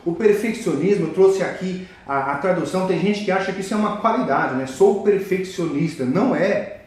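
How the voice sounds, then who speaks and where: A man's voice: high voice, fairly quick, darkish tone. A man giving a slide lecture in a didactic way, often checking in with the audience. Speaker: lecturer on public speaking. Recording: very echoey room, voice from far off the mic.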